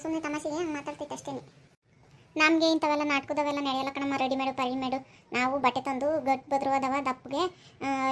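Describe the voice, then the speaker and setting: Cartoon woman, voiced by an actor, high, rapid, flat-toned scolding, faint hiss. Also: close to an everyday voice. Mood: complaining. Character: scolding village woman customer, sharp-tongued. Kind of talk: cartoon voice acting.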